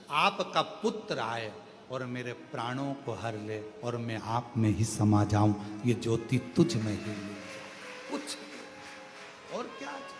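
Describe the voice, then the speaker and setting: A man doing a pleading humble demon king. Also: in a large hall. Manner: soft, low, pleading.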